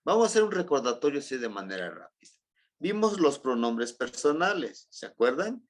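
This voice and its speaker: A man's voice: mid-range voice, sing-song, fairly quick. A man teaching a language class in Spanish with a Mexican accent, patiently repeating words and checking that the students remember. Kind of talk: classroom lesson.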